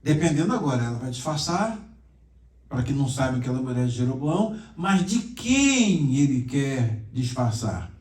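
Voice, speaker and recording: A man's voice: mid-range voice, sing-song, moderate pace, a little mellow. A male pastor teaching a Bible class, reading Hebrew aloud, quizzing his students and joking with them. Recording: roomy classroom echo, mic far off.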